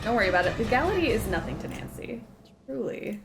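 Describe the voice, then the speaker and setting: A woman's voice: mid-range voice, very animated, fast. A woman giving casual game commentary as a streamer, with wry, joking asides. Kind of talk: casual game commentary with read-aloud game text. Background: game music.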